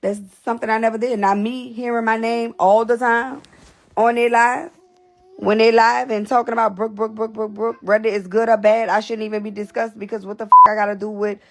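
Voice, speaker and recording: Blunt, breathless woman with vocal fry. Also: on the high side, flat delivery, fairly quick, fairly bright tone. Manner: blunt, repetitive, profane. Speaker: livestream host. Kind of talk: casual livestream talk to viewers.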